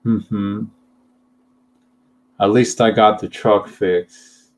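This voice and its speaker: Slow rambling young man. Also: lowish voice, flat delivery, darkish tone. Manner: hesitant, rambling, many fillers and giggles. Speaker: channel host. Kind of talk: casual chat.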